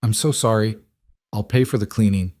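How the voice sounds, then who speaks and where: A man's voice: lowish voice, normal speed, darkish tone, no room sound, clean studio sound, natural voice. A man voicing a flustered, humiliated young woman apologizing, in a dramatized audiobook story.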